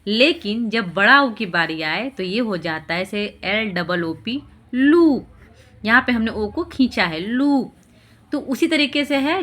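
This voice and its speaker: A woman's voice: fairly high pitch, a bit bright. A woman teaching parents how to explain vowel signs, speaking patiently, repeating examples and checking in with rhetorical questions. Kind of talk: explanatory lesson.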